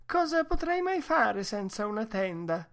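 A woman voicing a fussy, pleading young woman in a storybook reading, high and tearful. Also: very animated, measured pace. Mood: dismayed.

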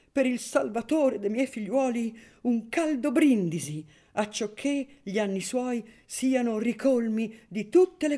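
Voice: mid-range voice, mellow, voice pushed up, close to an everyday voice. A reader voicing an emotional middle-aged father who declaims a toast, in an audiobook reading of a novel.

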